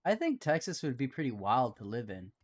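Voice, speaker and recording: Canadian male streamer, casual self-deprecating build commentary, halting delivery, mid-range pitch. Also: sing-song. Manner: rambling, hesitant, self-deprecating. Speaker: live streamer.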